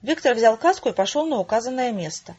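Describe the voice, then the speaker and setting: Husky woman reading a novel. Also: a little high, animated, quick pace, darkish tone. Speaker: narrator. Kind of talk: audiobook narration. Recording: dull lo-fi recording.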